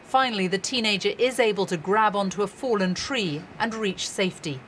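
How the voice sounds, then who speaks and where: A woman's voice: mid-range voice, fairly quick, fairly bright tone, a little hiss or hum. A woman reporter narrating a scripted news report in a dramatic, descriptive way.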